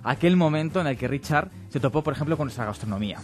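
A man's voice: a little high, animated, fast, faint music behind. A man hosting a radio talk show, enthusiastically introducing a guest. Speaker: radio host.

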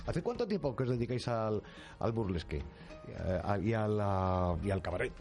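A man's voice: lowish voice, animated, moderate pace, darkish tone, faint music behind. A man with a Spain accent hosting a casual live chat, playful and often repeating words as he stumbles along. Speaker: show host.

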